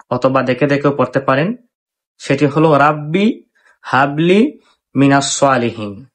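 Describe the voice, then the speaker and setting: A man giving earnest, measured religious instruction as an Islamic preacher, reciting short Arabic verses slowly. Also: on the high side, a bit bright.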